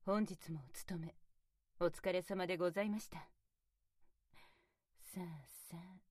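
A woman voicing a devoted, high-ranking demon butler in a whispered ASMR roleplay, speaking with extremely polite, servile formality into a close binaural mic. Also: warm tone, dry recording, close to an everyday voice. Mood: doting. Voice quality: breathy whisper. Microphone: close binaural mic, left and right ears.

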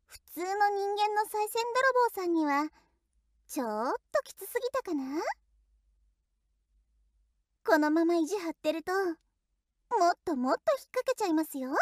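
A woman's voice: very high voice, lively intonation, normal speed, pauses often, no echo, clean studio sound. A woman voicing a teasing, playfully cruel young female shrine maiden in an audio role-play drama, speaking politely in a sing-song tone.

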